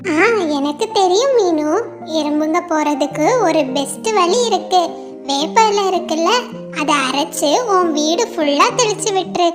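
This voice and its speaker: Mittu, a woman doing a lively clever parrot. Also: very high-pitched, over music. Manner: lively, quick, exclaiming.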